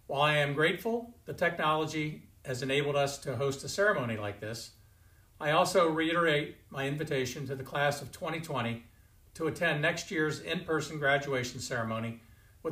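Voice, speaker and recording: A man's voice: fairly high pitch, a bit bright. Formal older man, roomy study echo. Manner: measured, stately delivery. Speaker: university president. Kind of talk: formal commencement address. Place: home study with bookshelves. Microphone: fixed camera, chest-up framing.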